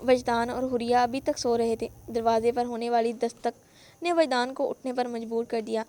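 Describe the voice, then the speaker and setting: A woman reading a novel aloud in an emotive storytelling manner. Her voice is high-pitched. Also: steady tone, dark tone. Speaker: novel reader. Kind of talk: audiobook narration.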